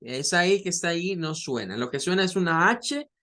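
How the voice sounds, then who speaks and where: Male teacher, higher voice, patient, repeats himself, slow drawn-out examples. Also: animated, sharp tone. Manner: explains slowly, models English words in drawn-out demonstrations; patient, repeats words and restarts phrases often. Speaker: English teacher. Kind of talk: recorded online lesson.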